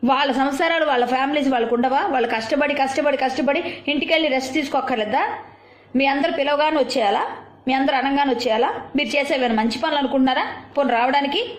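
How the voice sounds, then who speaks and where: A woman's voice: sits high, fast. A woman delivering an angry, confrontational rant at a rival, firing off rhetorical questions and scolding. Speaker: video commentator. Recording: roomy echo.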